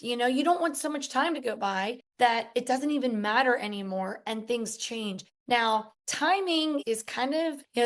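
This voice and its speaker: A woman co-hosting a podcast, explaining in an upbeat, chatty way and acting out little customer quotes. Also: on the high side. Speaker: podcast co-host. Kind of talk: casual podcast chat.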